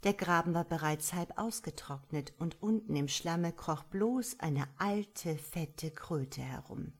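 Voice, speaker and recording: A woman narrating a storybook in an expressive, unhurried way. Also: on the low side, slightly rough. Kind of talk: storybook reading.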